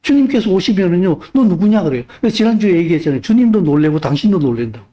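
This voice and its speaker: A male pastor preaching a sermon, pressing the congregation with rhetorical questions and swinging between loud urging and hushed speech. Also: high voice, big pitch swings, racing, highs cut off.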